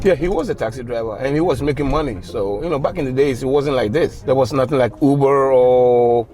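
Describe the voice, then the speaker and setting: Inside his taxi, a middle-aged Ghanaian cab driver tells stories casually, loose and slangy, in relaxed storytelling fashion. His male voice is medium in pitch and brisk.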